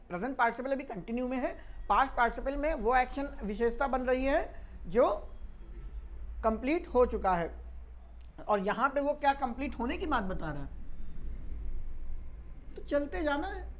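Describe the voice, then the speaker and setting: A woman's voice: sits high, animated, normal speed, long pauses. A woman teaching English grammar in a lecture, scolding and teasing her students. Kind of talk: classroom lecture.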